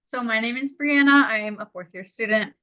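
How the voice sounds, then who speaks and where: A woman's voice: on the high side, fairly quick, pushed and bright, lo-fi sound. A woman in her twenties from Canada, an optometry student chatting informally on a panel. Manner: chatty, informal, laughs easily.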